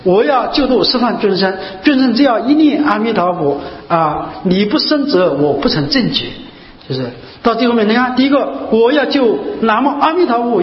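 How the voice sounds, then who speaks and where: A man giving a Buddhist dharma talk, asking his listeners rhetorical questions and repeating key phrases again and again. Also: high voice. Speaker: Buddhist teacher. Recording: muffled, echoey hall recording with faint hiss.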